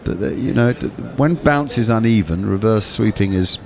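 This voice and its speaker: Commentator, male, very low voice, steady explaining delivery, noisy audio behind. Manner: measured, explanatory, with small restarts. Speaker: cricket commentator on a watchalong. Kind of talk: ball-by-ball commentary.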